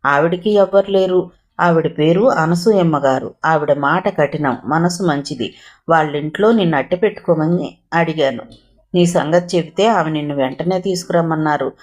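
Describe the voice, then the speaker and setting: A woman voicing a patient young man who calmly reassures and advises. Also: sits low, moderate pace, close to an everyday voice. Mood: reassuring. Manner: calm, reassuring advice.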